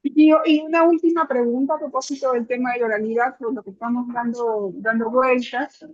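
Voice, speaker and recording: A woman's voice: on the high side, fairly even intonation, fairly quick, a little mellow, no room sound, lo-fi sound. A woman interviewer asking long, winding, admiring questions of an author. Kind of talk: literary interview.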